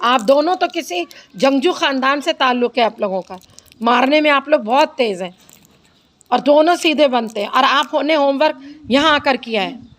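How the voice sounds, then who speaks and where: A woman's voice: high voice, moderate pace, fairly bright tone. A woman teacher, patiently spelling out words for children in a reading lesson.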